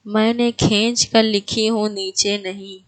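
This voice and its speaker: A woman's voice: medium pitch, little pitch movement, slow pace. A woman teaching an online class, asking her students questions and then answering them herself. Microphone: online class audio.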